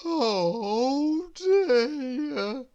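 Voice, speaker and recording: A woman acts out a lazy little storybook man, utterly worn out. The voice is pitched high and drags very slowly. Words come out as long, muddled, miserable groans. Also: animated, darkish tone, muffled recording, exaggerated voice. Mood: dazed groaning. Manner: groaning, drawn-out muddled speech.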